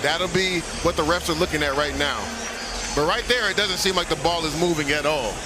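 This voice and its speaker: A man's voice: on the high side, brisk, over music. An American man giving live football analysis as color commentator, in emphatic, punchy phrases. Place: broadcast booth at a stadium.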